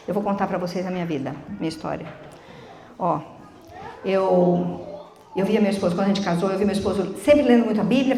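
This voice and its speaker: A middle-aged woman giving a sermon in a church, telling stories with animated, quick speech and asking the congregation questions. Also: mid-range voice. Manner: animated storytelling, quick talk. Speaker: church speaker. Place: church sanctuary. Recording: echoey church hall.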